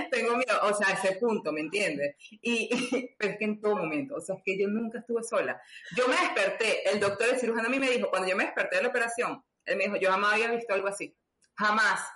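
A woman's voice: medium pitch, fast talker, pushed and bright. A woman telling a personal story, chatty, with many fillers and acted-out dialogue. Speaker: guest. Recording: roomy echo.

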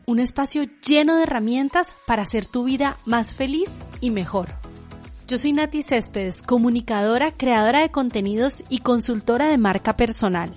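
A woman hosts a personal-development podcast, her voice pitched a bit high and lively in delivery. She speaks, a faint music bed playing under her. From Mexico. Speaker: podcast host. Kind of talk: scripted intro and interview.

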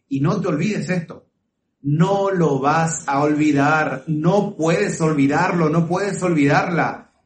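A man's voice: on the high side, a little hiss or hum. A man giving earnest, coaching advice straight to the listener, often checking in with short questions. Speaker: relationship advice speaker. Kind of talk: direct-to-camera advice talk. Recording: echoey room with faint ambience.

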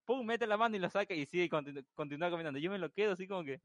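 A young man, telling a story in a casual chat, animated and swearing freely. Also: high voice, rapid-fire, no room sound. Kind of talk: casual anecdote telling among friends.

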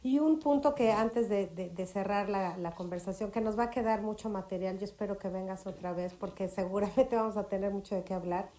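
A woman hosting an interview, asking measured questions. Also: mid-range voice, dark tone, echoey room. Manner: brief affirmations, measured questions. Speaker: host. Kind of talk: conversational interview.

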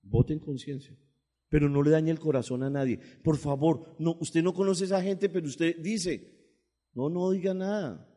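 A male pastor delivers an animated sermon in a fairly high voice. He rises into loud, emphatic bursts and drops into low asides, and the long reverb of a church hall trails each phrase.

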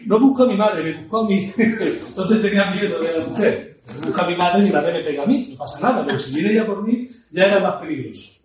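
A man giving a lively, playful talk on storytelling as a public speaking coach, swinging between loud and soft. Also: sits high, a little fast, a crowd in the background. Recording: very echoey room, mic far off, faint noise.

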